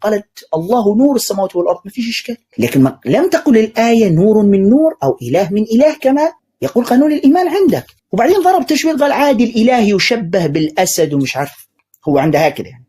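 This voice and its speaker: Fast, lively, husky-voiced male debater. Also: high voice. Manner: mocking, rhetorical questions, quotes scripture. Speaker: religious debater responding to clips. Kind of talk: animated polemical commentary.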